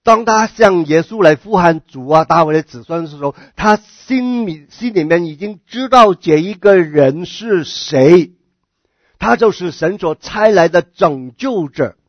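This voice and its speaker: A man's voice: high voice, lively intonation, a little slow, dry recording. A man preaching a sermon, earnest, often repeating words and asking the listeners questions. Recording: dull, dry lo-fi recording.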